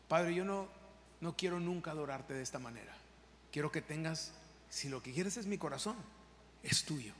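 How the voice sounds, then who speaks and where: In a church sanctuary, a pastor preaches an impassioned sermon, addressing his congregation directly. His voice is a little high and fairly bright, and the recording carries the long reverb of a large hall with faint background noise.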